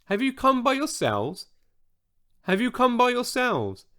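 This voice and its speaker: A man doing a crisp young English witch. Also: on the high side, wildly swooping pitch, moderate pace. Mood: polite.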